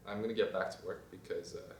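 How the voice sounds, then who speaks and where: A young man, a fashion design student, chatting casually in a vlog, rambling and trailing off into quiet asides. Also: low-pitched, fairly even intonation, fast talker, far from the mic, a little hiss or hum. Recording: roomy sound from off mic, faint ambience.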